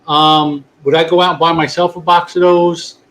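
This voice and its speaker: A chatty podcast host from New York rambles through a casual conversation over a video call, relaxed and restarting often. His voice is on the high side and his pace is moderate.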